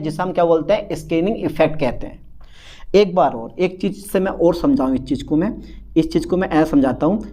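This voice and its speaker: A male chemistry teacher with a high, darkish voice lectures his class, repeating himself a lot and firing questions at his students. He calls them "beta" and answers himself as though he were a student.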